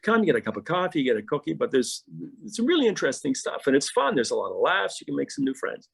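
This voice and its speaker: A man's voice: on the high side, sing-song, fast talker, vocal fry, fairly bright tone, husky. A middle-aged pastor in a podcast interview, telling stories animatedly and often repeating words as he starts a thought.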